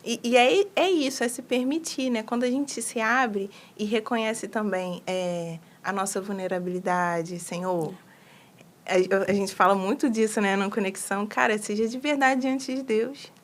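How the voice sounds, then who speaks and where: A woman talking casually about faith, animated and slangy, acting out little quoted prayers. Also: medium pitch, normal speed. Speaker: guest on a faith livestream.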